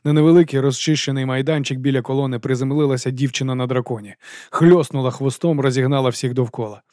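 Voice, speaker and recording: A man reading a fantasy audiobook, narrating in a measured first-person storytelling manner. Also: medium pitch, steady tone, a little mellow, dry recording, studio quality.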